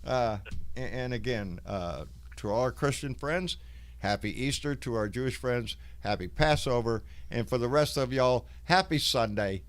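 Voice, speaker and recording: A man's voice: mid-range voice, moderate pace, smooth, no room sound. A man with a Southern US accent and a folksy drawl, hosting a casual livestream chat with salty language. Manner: salty, profane. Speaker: host of a live online show.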